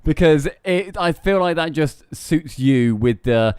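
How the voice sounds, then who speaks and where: Smooth-voiced man teasing on a podcast. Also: fairly high pitch, expressive, unhurried, a little mellow, no room sound, studio quality. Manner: joking, teasing banter. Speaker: podcast host. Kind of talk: casual podcast chat.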